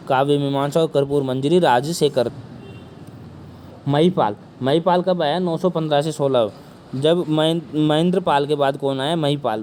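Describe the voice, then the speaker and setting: Soft-spoken male teacher with a sore throat. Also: on the high side, slight background noise. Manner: repeats questions and answers them himself. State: sore throat, speaking softly. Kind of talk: exam-prep history lecture.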